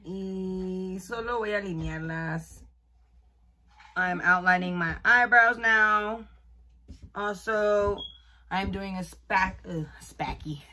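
A woman's voice: medium pitch, very slow, pauses often, pushed and bright. A woman, chatting casually and switching between Spanish and English as she films a beauty vlog. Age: 20s. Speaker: beauty vlogger. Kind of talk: casual get-ready-with-me chat. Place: small bedroom indoors.

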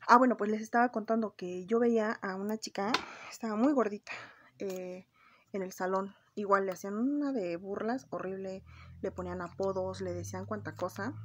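A woman's voice: mid-range voice, steady tone, normal speed, slight background noise. A young woman with a Mexican Spanish accent, chatting casually and confidingly to her viewers while she does her makeup. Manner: chatty, confiding, often calls viewers "my girls". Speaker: beauty vlogger.

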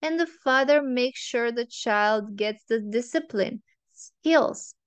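Slow, smooth-voiced woman giving relationship advice. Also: fairly high pitch, no room sound. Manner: earnest and opinionated, speaks in measured lists. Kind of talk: advice monologue to camera.

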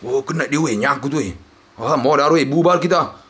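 A young man, giving loud, excited commentary on a slot game as he plays, swinging between yells and mutters. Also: medium pitch, moderate pace. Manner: loud, shouting and exclaiming, jumpy swings between yelling and muttering.

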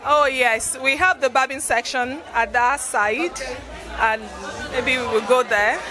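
Nigerian woman showing off her salon, kinda shy and polite, higher voice, noisy party all around. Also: fairly even intonation, unhurried. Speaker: salon owner. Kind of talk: guest interview on a salon tour. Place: busy salon during a launch event. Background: loud music and crowd.

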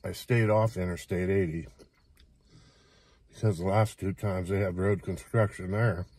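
A man in his sixties chatting casually to camera from inside a parked car, making short, unhurried remarks. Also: low-pitched, steady tone, darkish tone, breathy edge, no echo. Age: 60s. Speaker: vlogger. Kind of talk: casual chat to camera while eating.

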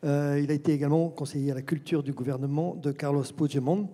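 A man's voice: a little high, fairly even intonation, quick pace, warm tone. An older man introducing the next speaker at a conference as its presenter. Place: large stage in an auditorium. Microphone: handheld microphone. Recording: reverberant hall, audience noise.

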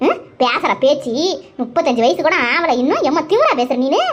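A quarrelsome village woman from a cartoon, voiced by a woman, firing off taunts. Her voice sits high and the words tumble out fast. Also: big pitch swings. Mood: scolding. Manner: scolding, rapid-fire taunts. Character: sharp-tongued quarrelsome village woman, loud and cutting. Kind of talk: cartoon voice acting.

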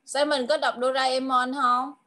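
A woman with a high, bright voice gives a child an online English lesson. She coaxes patiently and asks the same question again and again. Her English clues come out slowly and are drawn out word by word. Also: little pitch movement, slight background noise. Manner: coaxing, repeats questions patiently. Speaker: tutor.

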